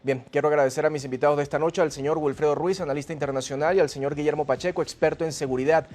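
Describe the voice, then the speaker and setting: Brisk male TV news host. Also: a little high, steady tone, a little mellow. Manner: brisk, directive questions. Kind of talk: TV debate moderation.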